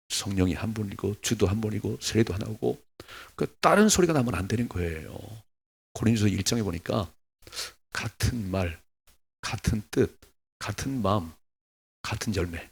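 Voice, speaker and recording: A middle-aged male pastor preaches with a low, gravelly and husky voice. He talks to his congregation in a loose, conversational way. He slips into little acted asides and stacks up rhetorical questions that rise as he presses his point. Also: animated, moderate pace. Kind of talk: sermon.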